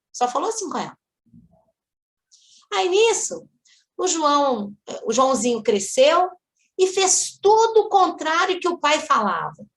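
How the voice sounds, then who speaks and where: A woman's voice: fairly high pitch, fairly bright tone. A woman giving a spiritist study talk, telling a story vividly and acting out the quoted lines. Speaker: study group speaker.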